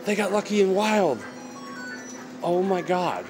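A man in his thirties co-hosting a casual road-trip vlog, chatty and excitable, filmed on a handheld phone in a car and an arcade. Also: high voice, takes it slowly, creaky, music in the background. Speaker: vlog co-host. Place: inside a car, then a loud arcade. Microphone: handheld phone camera at arm's length.

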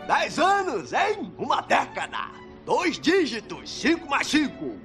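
A showy, friendly cartoon lion with a Brazilian accent. The voice is extremely high and animated, excitable and encouraging, with music behind. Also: male voice, takes it slowly, heavily acted. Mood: eager. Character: exuberant, friendly, showy adult male lion. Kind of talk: animated film dubbing.

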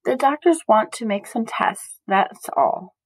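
A woman reading aloud, voicing a father who speaks calmly while hiding his worry. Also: fairly high pitch, a little slow, breathy edge, dry recording, exaggerated voice, poor audio. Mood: guarded. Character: troubled father, calm and guarded.

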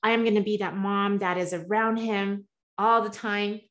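Speaking at a moderate pace in a mid-range voice, a US-born woman in her forties who was partly raised in Taiwan tells her story as a guest coach on a video call from home. She's earnest, moves her hands animatedly, and often adds "right?"

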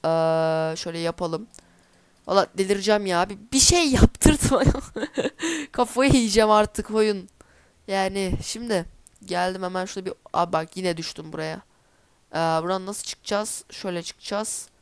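Smooth-voiced woman chatting over gameplay. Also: medium pitch, moderate pace, no echo. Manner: chatty, easily exasperated, talks to herself while playing. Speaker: gameplay commentator. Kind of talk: casual let's-play commentary.

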